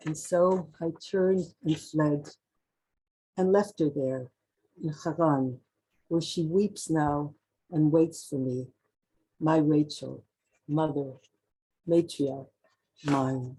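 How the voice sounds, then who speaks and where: Slow, husky older woman reading poetry. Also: sits low, steady tone, mellow, poor audio. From Canada. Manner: slow, measured recitation with occasional restarts. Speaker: poet.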